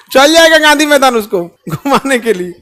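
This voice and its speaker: Man, Bihari Hindi accent, very high pitch, emphatic, rhetorical, motivational speech. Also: pushed and bright, slight background noise. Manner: emphatic, rhetorical, asks the audience questions. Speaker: speaker addressing students.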